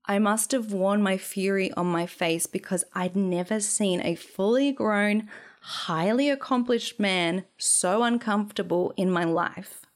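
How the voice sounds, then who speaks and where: Young woman, memoir narration, unhurried delivery, dry wry humor. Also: medium pitch. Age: young adult. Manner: slow, dry, wry storytelling. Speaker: author reading her memoir.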